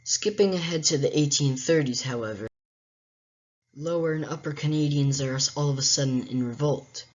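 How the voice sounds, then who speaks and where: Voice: mid-range voice, normal speed. A host narrating a history explainer in a casual way, with wry, joking asides. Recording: dull, muffled lo-fi recording.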